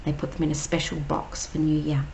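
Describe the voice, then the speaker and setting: A woman teacher, reading a picture book aloud slowly and explaining each word. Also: low-pitched, flat delivery, creaky, warm tone, a little hiss or hum, poor audio. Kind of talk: read-aloud storytime.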